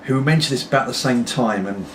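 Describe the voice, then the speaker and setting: A man's voice: mid-range voice, a little fast. British male vlogger, middle-aged, meandering pipe-in-mouth chat, off-mic and noisy home recording. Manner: talking while puffing on a pipe; meandering, apologetic asides. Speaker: pipe-smoking video blogger. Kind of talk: casual rambling chat to camera. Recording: distant mic, clearly noisy background.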